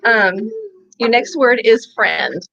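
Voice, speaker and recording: A woman with a fairly high voice chats loosely and laughs easily, often joking at her own expense. The sound is dull and lo-fi, like a video call. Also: sing-song, slow, gravelly, pushed and bright. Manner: chatty, laughing, self-deprecating. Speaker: co-host. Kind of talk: casual chat.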